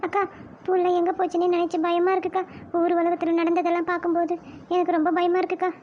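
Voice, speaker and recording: A woman's voice: monotone, fast talker, highs cut off, a little hiss or hum. A woman voicing an anxious young village mother in a cartoon family drama, pleading and fretful. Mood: frightened. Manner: fretful, pleading, high-pitched. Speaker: cartoon voice actor.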